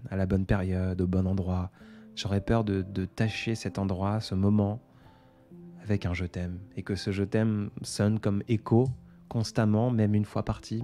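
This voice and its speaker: Brief: male streamer-poet, low warm tone, musing and hesitant, faint music underneath. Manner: reflective, unhurried, with frequent hesitations. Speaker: poet and author on a live stream. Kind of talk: casual live-stream chat. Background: faint background music.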